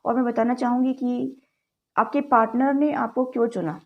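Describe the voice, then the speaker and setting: A tarot card reader with a sore throat gives a chatty direct-to-camera reading, often calling viewers "guys" and mixing English words into her Hindi. Her voice is fairly high with fairly even intonation and a moderate pace, and the recording sounds muffled.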